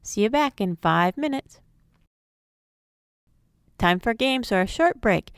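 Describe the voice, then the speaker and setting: A woman narrates a scripted phonics lesson in a clear, measured way, with a gravelly edge to her voice. The sound is dry and close. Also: fairly high pitch, expressive, dry recording. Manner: clear, measured instructional delivery. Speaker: phonics teacher.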